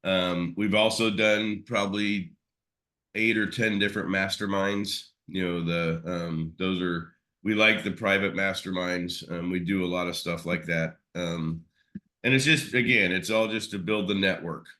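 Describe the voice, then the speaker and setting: Male interview guest, deep and bright-toned, loose rambling delivery. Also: fairly even intonation, measured pace. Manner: rambling, many fillers and restarts. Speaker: SEO expert guest. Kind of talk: casual interview chat.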